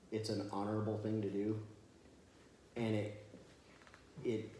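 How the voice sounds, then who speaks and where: A man's voice: on the low side, darkish tone. Man talking in a very echoey room. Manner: chatty and good-humored, laughs as he tells stories. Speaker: military veteran interviewee. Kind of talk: casual storytelling in an interview. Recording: very echoey room with faint noise.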